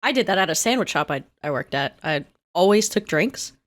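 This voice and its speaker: A woman co-hosting a podcast, chatting in a playful, giggly way with quick banter. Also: lowish voice, lively intonation. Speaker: podcast co-host. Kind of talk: casual chat.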